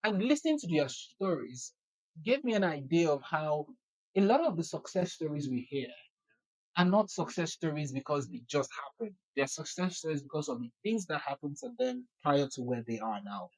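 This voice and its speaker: A man hosting an interview, asking measured, reflective questions. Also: a little high, very animated, dry recording, low-quality recording. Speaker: podcast host.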